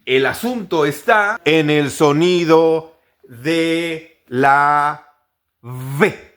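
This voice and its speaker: Slow-speaking Mexican man teaching pronunciation. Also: a little high, a bit bright. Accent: Mexican Spanish. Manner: slow, repeats words many times as drills. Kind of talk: pronunciation lesson.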